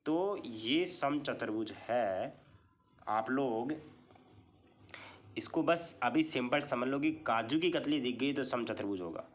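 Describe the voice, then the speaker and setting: A male teacher walks through a maths lesson at an even, mid-range pitch. He goes step by step, repeats key points and keeps checking with the class. Often he asks a question and then answers it himself. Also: slow pace. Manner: explains step by step with many repeated checks like "theek hai".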